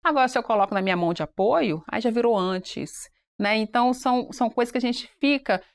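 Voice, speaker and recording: A woman presenting on a church program, explaining sign language in a relaxed, quick, animated way. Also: a little high. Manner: self-described fast-paced, animated explainer. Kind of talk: casual panel chat.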